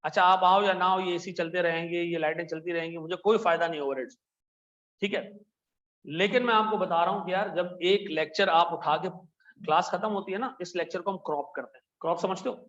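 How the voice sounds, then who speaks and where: A middle-aged man from Pakistan with a Pakistani Urdu accent, lecturing a class in a chatty, animated way with frequent "theek hai ji" asides. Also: high voice, a little fast, lo-fi sound. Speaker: accountancy teacher. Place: classroom with air conditioners and lights.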